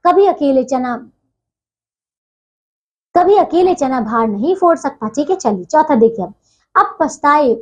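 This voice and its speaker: A woman's voice: sits high, expressive, measured pace, pauses often. A woman teacher explaining a textbook lesson to children, patiently repeating phrases and checking in often.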